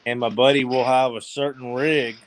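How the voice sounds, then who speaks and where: A man's voice: medium pitch, steady tone, moderate pace. A man hosting a livestream, chatting casually about fishing in a rambling, laid-back way full of fillers. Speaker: livestream host.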